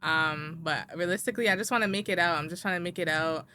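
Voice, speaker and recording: A woman guest answering interview questions in a hesitant, casual way with many pauses. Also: lowish voice, pushed and bright. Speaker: guest artist. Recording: clear background noise.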